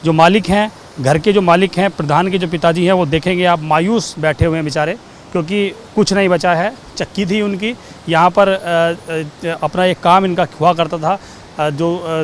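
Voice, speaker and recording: A man's voice: fairly high pitch, slight background noise. A man reporting from an outdoor disaster site for the news, walking viewers through the damage and pointing things out.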